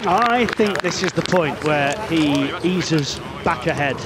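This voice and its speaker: A man giving live golf television commentary as a golf commentator, in short, measured appraising phrases with tag questions. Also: on the high side, over a noisy crowd. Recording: noisy outdoor ambience behind the voice. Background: steady outdoor course noise.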